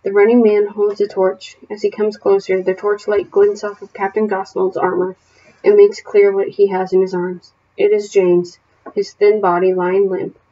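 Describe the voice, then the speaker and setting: In lo-fi sound, a medium-pitched woman teacher reads aloud from a novel at normal speed, then gives her class homework questions. Her voice stays steady and plain, with minor self-corrections along the way.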